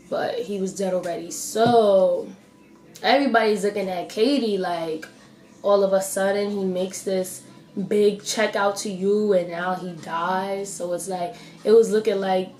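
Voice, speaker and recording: A woman's voice: mid-range voice, a little mellow. A young woman vlogging casually, retelling movie plots and recommending films in a chatty, playful, slangy way. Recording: echoey room with faint music.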